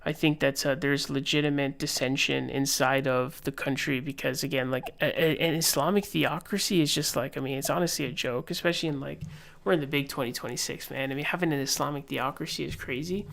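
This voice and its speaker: A man's voice: medium pitch, steady tone, brisk, vocal fry, fairly bright tone. A young man giving casual live-stream political commentary, rambling with lots of fillers and reading posts aloud. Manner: rambling, filler-heavy, reads tweets aloud.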